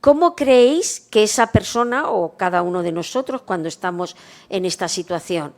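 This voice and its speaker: Brief: middle-aged woman from Spain, nurse teaching mindfulness, calm and unhurried, medium pitch. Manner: calm, unhurried, rhetorical questions to the class. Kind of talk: workshop lecture.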